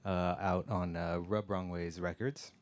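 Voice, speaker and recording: A man with a low voice slips into an old-fashioned AM radio announcer delivery. He sounds like a presenter on a vintage broadcast, smooth and a little theatrical, set back slightly from the microphone. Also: little pitch movement, unhurried.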